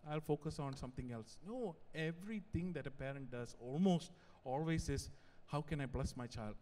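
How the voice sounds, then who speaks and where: A young adult man preaching a sermon as pastor, animated and prone to joking digressions. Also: on the high side, moderate pace. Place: large church hall. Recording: long church-hall reverb.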